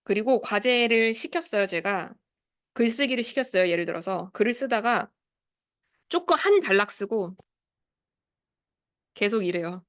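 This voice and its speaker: A woman's voice: medium pitch, animated, moderate pace, long pauses, a bit bright, no room sound, studio quality. A woman in her thirties, a speech therapist giving an online lecture to parents and teachers, explaining and asking the audience questions. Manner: explanatory, asks the audience questions, acts out quoted phrases. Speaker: speech therapist leading a study group.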